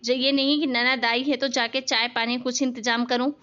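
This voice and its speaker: Give me a woman playing a hot-tempered spoiled young cartoon daughter, high-pitched and bossy, on a slightly muffled recording. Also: little pitch movement, moderate pace. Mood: angry. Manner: snapping, bossy, shouting. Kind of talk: animated cartoon voice acting.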